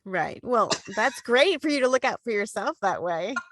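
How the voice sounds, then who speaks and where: A woman's voice: on the high side, lively intonation, moderate pace, fairly bright tone, no room sound. A woman hosting an interview, asking questions and offering short, supportive affirmations. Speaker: podcast host.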